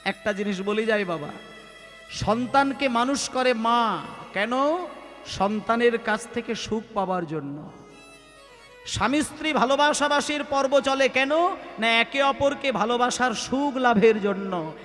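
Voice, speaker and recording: Brief: high-pitched man with a Bengali accent, slow and impassioned devotional preaching, reverberant hall with music behind. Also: expressive, fairly bright tone. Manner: impassioned, rhetorical questions to the audience. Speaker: kirtan singer and preacher. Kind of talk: devotional sermon to a gathering. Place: kirtan gathering hall.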